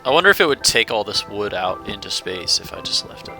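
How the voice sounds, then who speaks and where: A man's voice: fairly low pitch, big pitch swings, brisk, sharp tone, soft background music. A man casually talking through his gameplay as a channel host, thinking aloud and chuckling now and then. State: hiccups. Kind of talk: casual let's-play commentary.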